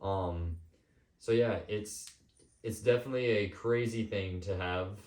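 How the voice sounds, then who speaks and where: A man hosting a podcast, talking casually and personally in an informal, somewhat halting way. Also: on the low side, a little mellow. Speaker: podcast host. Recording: echoey room.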